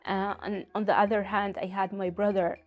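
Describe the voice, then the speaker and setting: A woman's voice: mid-range voice, little pitch movement, dull audio, soft background music. Woman recounting her story. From Sudan. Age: 30s. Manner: halting, reflective storytelling. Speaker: interviewee telling her story. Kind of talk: personal testimony.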